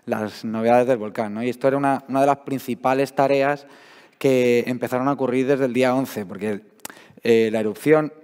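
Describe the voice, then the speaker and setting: A man's voice: medium pitch, a little mellow, clean tone. A man giving an informal, explanatory science talk to an audience, his voice worn out and giving out. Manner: colloquial, explanatory. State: hoarse, voice giving out after a night out. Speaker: seismologist, guest speaker. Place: public talk in a large hall. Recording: echoey hall, long reverb.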